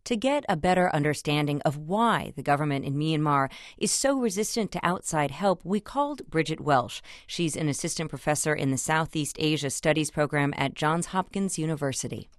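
A woman's voice: low-pitched, expressive, moderate pace, few pauses, no room sound, clean studio sound. A woman with an American accent reading scripted radio news as a co-host. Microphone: close studio microphone.

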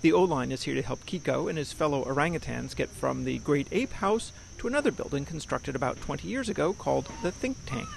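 A man's voice: fairly high pitch, lively intonation, brisk, gravelly, few pauses, slight background noise. An American man reporting for radio news, narrating a scripted feature.

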